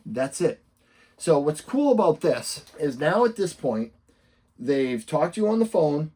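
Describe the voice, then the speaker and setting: A man with a Boston accent delivers a sales lesson to camera. His voice sits slightly high, and he talks emphatically, slipping into bright, upbeat sample messages as he teaches. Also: sing-song, measured pace, slightly rough. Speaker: real estate coach. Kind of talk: instructional talk to camera.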